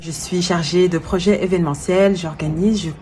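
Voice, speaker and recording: A woman's voice: on the low side, fairly even intonation, moderate pace, over music. A woman in her twenties, a life coach, giving an earnest and reflective personal video message while she searches for her words. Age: 20s. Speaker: life coach and event planner.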